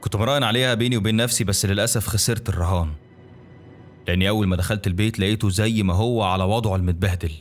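Casting note: Egyptian man, horror story narrator, very rapid delivery, music bed behind. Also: on the low side. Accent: Egyptian Arabic. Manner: rapid, colloquial, conversational. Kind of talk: dramatic first-person story narration.

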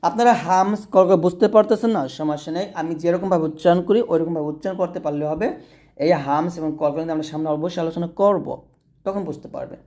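A man teaching Quran reading, spelling out syllables slowly and then explaining in quick bursts. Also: fairly high pitch, mellow. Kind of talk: recorded lesson.

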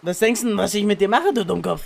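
A man's voice: high voice, fast talker, vocal fry. A man playing a brash, crude street hustler who teases everyone with vulgar jokes in a game roleplay. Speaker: roleplay streamer.

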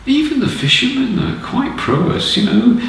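A man's voice: extremely high pitch, normal speed, gravelly, slight background noise. An older man, a sailing club instructor, talking with enthusiasm in a documentary interview in an indoor clubroom. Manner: enthusiastic, animated storytelling. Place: indoor clubroom with photos on the wall. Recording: roomy, distant, with music behind.

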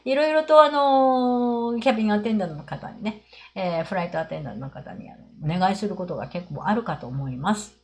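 An older Japanese woman teaching travel English phrases in Japanese, explaining patiently with many fillers and reading the English lines with a Japanese accent. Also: medium pitch.

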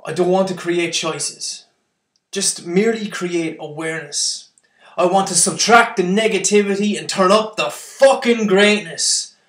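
A man's voice: high-pitched, measured pace, a bit bright, reverberant. A young man performing spoken word poetry, intense and building to impassioned outbursts.

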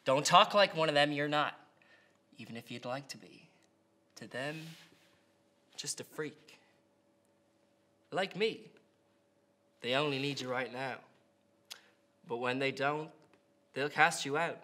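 A man in his twenties playing an unhinged, taunting criminal clown in a theatrical, drawn-out film monologue. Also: fairly high pitch, pushed and bright. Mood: mocking, intense. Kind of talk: film drama monologue acting.

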